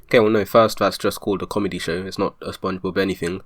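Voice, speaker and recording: A man's voice: low-pitched, fairly even intonation, fast, no room sound. A man giving an argumentative commentary, rebutting a review point by point with exasperation.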